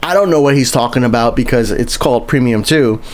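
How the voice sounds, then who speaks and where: A man with a medium-pitched voice live-streams a game, giving brisk, casual commentary as he plays. He rambles and chats, greets viewers in the chat, and often restarts his sentences.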